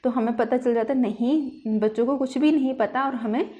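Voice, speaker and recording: High-voiced woman teaching step by step. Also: warm tone, muffled recording. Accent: Indian English. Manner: explains step by step, reads English phrases slowly then restates them. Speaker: teacher explaining a lesson plan. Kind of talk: classroom-style lecture.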